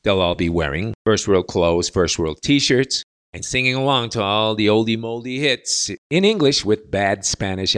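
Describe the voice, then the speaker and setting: A male podcast host delivering a mocking, sarcastic monologue. His pitch swings widely as he talks, rising and falling with his jabs. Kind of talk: sardonic monologue. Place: living in Latin America.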